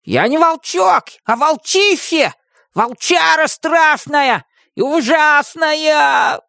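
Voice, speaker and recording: A man voicing a small, boastful male wolf cub who shouts and sobs with a gravelly voice. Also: very high voice, expressive, takes it slowly, dry recording, clean studio sound, voice pushed up, full character voice. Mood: boastful angry. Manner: shouting, then sobbing.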